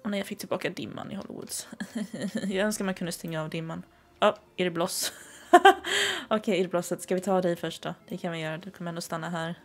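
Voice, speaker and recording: A woman in her twenties from southern Sweden, chatting and giggling excitably while commenting on a game she plays. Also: lowish voice. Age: 20s. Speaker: gaming streamer. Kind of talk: casual gameplay commentary.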